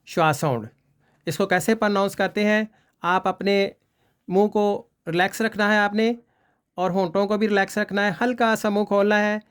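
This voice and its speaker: A man's voice: high voice, steady tone, moderate pace, clear, resonant tone. A man teaching English pronunciation, patiently repeating vowel sounds for students to copy. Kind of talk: slow spoken pronunciation lesson.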